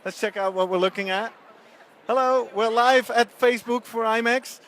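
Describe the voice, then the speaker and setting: A man's voice: very high-pitched, fairly even intonation, moderate pace, a bit bright, a little hiss or hum. A man roving a trade show floor and interviewing exhibitors live, chatty and upbeat with frequent restarts. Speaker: event reporter.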